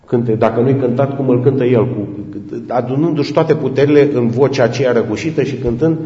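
A man's voice: medium pitch, dark tone. A man giving an informal storytelling talk to an audience, rambling and chatty and addressing his listeners directly. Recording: roomy hall with long reverb, dull lo-fi sound.

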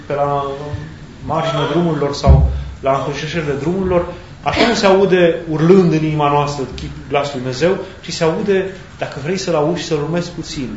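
A man preaching a sermon in a thoughtful way, pausing and searching for words as he goes. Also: a little high. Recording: echoey, dull sound with faint background hiss.

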